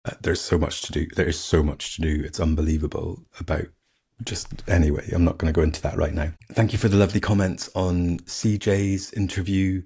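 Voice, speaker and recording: A middle-aged man with a faded Scottish accent talks through his week on a solo podcast. His voice sits very low and carries a gravelly fry. He is candid and pokes fun at himself as he chats. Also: level tone, fairly quick, mellow. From Scotland. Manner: candid, self-mocking, chatty. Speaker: podcast host. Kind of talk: casual solo podcast chat.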